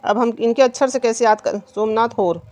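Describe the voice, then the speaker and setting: A woman's voice: fairly high pitch, fairly even intonation, fairly quick, a little mellow, dry recording. A woman teacher giving an exam-prep lesson, asking questions and answering them herself. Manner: repetitive quizzing, asks and answers own questions.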